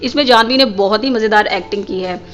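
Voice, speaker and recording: A woman's voice: medium pitch, fast talker, a bit bright, soft background music. A woman narrating a scripted film recap, addressing viewers as guys.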